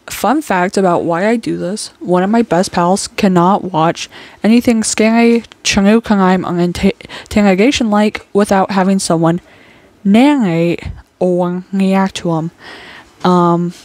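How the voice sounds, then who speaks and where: A woman with a medium-pitched, darkish voice speaks steadily and a little slowly, with no room sound. She has a speech impediment that makes her say W for R, and she chats in a goofy, informal way while reacting to a true crime video as a host.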